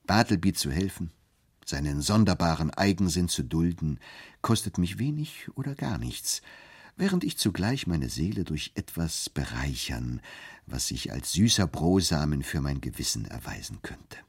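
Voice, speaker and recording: A man giving a measured, expressive first-person narration of a literary story. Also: low-pitched, husky. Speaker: audiobook narrator.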